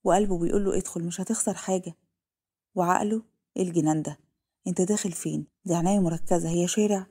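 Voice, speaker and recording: A woman's voice: fairly low pitch, steady tone, dark tone, slightly rough. A woman with an Egyptian Arabic accent narrating a dramatic story. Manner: rapid, plain reading.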